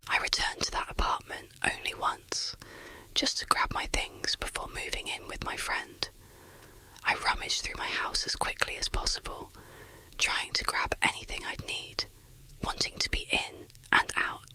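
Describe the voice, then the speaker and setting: A bright, forceful whisper carries this ASMR horror story, told in a deliberate, dramatic manner.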